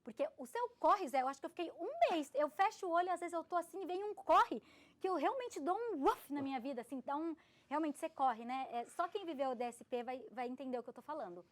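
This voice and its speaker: A woman in her thirties, a podcast guest, telling an emotional personal story in an animated, expressive way. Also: high-pitched, fast talker. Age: 30s. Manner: animated, expressive, laughs often.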